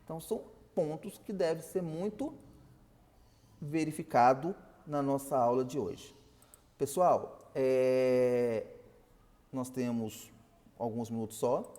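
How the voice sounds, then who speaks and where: A man's voice: medium pitch, takes it slowly, long pauses, mellow, big-room sound. A man teaching a customer service class, explaining and asking his students questions. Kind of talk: online class lecture.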